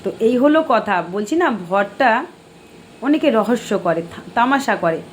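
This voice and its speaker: Middle-aged woman, live-stream host, admonishing and sermonizing, slightly high pitch, faint noise behind. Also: animated, moderate pace. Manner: preachy, admonishing. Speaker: live-stream host answering viewer comments. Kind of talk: casual live-stream chat.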